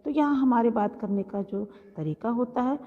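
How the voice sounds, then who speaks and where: A woman's voice: on the high side, moderate pace. A woman teaching a school grammar lesson, explaining patiently and often addressing her pupils. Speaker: Hindi teacher. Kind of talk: recorded classroom grammar lesson. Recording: lo-fi with long hall reverb.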